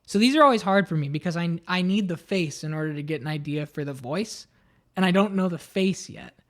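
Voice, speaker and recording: A woman's voice: fairly low pitch, brisk. A woman streamer reading a story aloud and chatting casually between passages. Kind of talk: casual chat and storybook narration.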